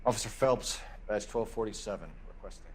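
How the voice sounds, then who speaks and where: An actor playing a brisk, dutiful, by-the-book American police officer in a video game. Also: male voice, fairly low pitch, close to an everyday voice. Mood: businesslike. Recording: loud background noise and vehicle sounds.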